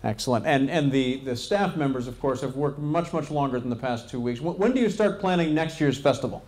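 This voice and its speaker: A man's voice: medium pitch, fairly quick, darkish tone. A middle-aged American man with a genial, joking manner, informally introducing people as host of a live event on a handheld microphone. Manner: jokey, genial. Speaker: mayor acting as event host. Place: event tent with seated audience. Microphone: handheld stage microphone. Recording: echoey event tent, audience murmur.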